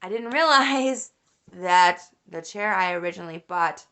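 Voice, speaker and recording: Young woman vlogging, bright voice, jumps all over in pitch, swears a lot. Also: a little slow. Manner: animated, swears, laughs often. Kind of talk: casual storytelling rant.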